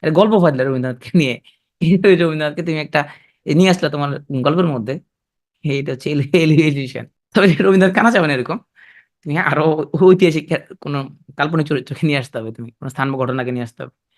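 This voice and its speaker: A man teaching literary terms in a loose, chatty lecture. His voice sits a little high for a man, and he keeps tossing quick questions to his students. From Bangladesh. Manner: conversational, asks students quick check questions. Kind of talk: exam-prep literature lecture.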